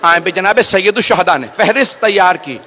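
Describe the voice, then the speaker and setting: A man preaching a mourning sermon in a very high voice that cuts through. His tone is bright and forceful, and he speaks straight to the congregation. He builds from lament into wailing shouts. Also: fairly quick, slight background noise. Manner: impassioned, rising to wailing shouts; addresses the gathering directly. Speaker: cleric.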